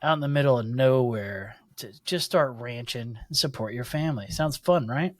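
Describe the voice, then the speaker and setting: A man's voice: mid-range voice, moderate pace, no room sound, studio quality. A man chatting and telling a story casually as a podcast co-host.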